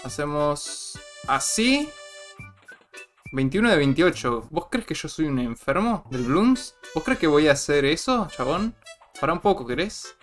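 A young man with an Argentine accent giving playful, boastful gameplay commentary to his viewers, with sudden excited yells. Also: on the high side, unhurried, soft background music. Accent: Argentine Spanish. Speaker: gaming channel host.

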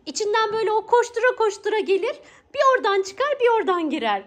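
A woman, a mother and channel host, narrating a casual family vlog at home in a playful, animated way, often laughing. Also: very high-pitched, fast. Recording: noisy home video.

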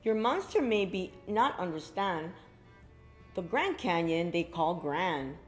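At story time in a bookshelf-lined library room, a middle-aged librarian slowly reads a picture book to young children, her voice arcing in lively, expressive pitch. She exclaims little asides to them, and faint music can be heard.

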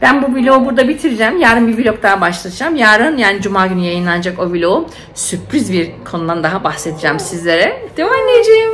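A woman's voice: mid-range voice, lively intonation, fast, hardly any pauses, a bit bright, slight background noise. A middle-aged woman, a nurse and mother, chatting casually to camera at home and telling stories with feeling and lots of fillers. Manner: chatty, emotional storytelling with many fillers.

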